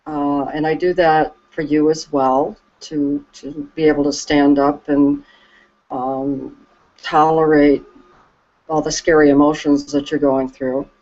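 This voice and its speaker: A woman talking slowly and reflectively about her calm as a Reiki practitioner, soft and hesitant with many pauses and restarts. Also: low-pitched. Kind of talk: slow reflective conversation. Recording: dull lo-fi recording.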